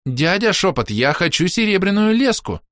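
A man's voice: high-pitched, very animated, moderate pace, a bit bright, no echo, studio quality, pitched above the performer's own voice. A man voicing a stubborn teenage girl goddess who keeps insistently demanding things, in an audiobook.

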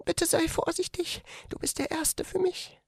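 A man voicing a shy, gentle young woman in a strained high falsetto, speaking softly like a lover in a read-aloud story. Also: fairly even intonation, a little slow, no room sound. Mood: tender.

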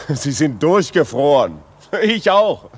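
An actor playing a curious, friendly visiting gentleman in a classic radio play, lively and coaxing, often chuckling. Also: a little high, slow pace, husky, exaggerated voice. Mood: genial. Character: curious, genial visiting gentleman, brisk and reassuring. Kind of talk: classic radio drama acting.

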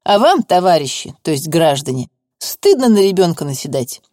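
A woman's voice: on the low side, sing-song, normal speed, a little mellow, no room sound, clean studio sound. A woman voicing a desperate male defendant who pleads with a raised voice. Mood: pleading. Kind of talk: audiobook reading.

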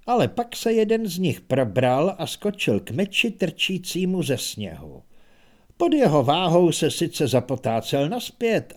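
Male narrator, somewhat high voice, animated wry delivery, scripted audiobook reading. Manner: wry, expressive storytelling.

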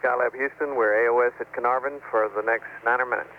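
Mission controller, man, quick clipped callouts over beeping space radio, thin narrowband sound. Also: mid-range voice, steady tone. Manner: brisk, clipped procedural talk. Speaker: mission control capsule communicator. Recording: tinny narrowband radio link, faint hiss.

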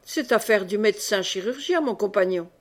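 A woman's voice: medium pitch, animated, moderate pace, lightly acted. A woman reading the part of a blustering, swearing knight commander in an audiobook. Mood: gruff.

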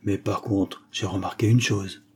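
A man voicing a calm, sure detective. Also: on the low side, a little slow, husky. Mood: assured. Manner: assured, explaining steadily. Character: calm, confident male detective, sharp-minded. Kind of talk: audiobook character reading.

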